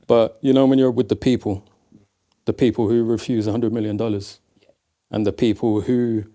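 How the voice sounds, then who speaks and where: A man's voice: fairly low pitch, level tone, moderate pace, mellow. A man from Leicester with an English accent, reflectively telling stories in a casual conversation. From England. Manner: reflective, storytelling, says "man" often. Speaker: guest.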